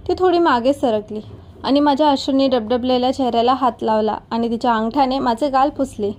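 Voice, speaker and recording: Narrator: woman with a fairly high, mellow voice, steady storytelling read. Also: a little fast. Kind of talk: scripted first-person narration.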